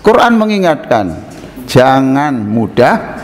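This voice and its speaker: An older man giving a humorous sermon in a mosque, an animated storyteller who teases his listeners. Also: mid-range voice, slow. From Indonesia. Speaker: preacher. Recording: reverberant mosque hall with faint noise.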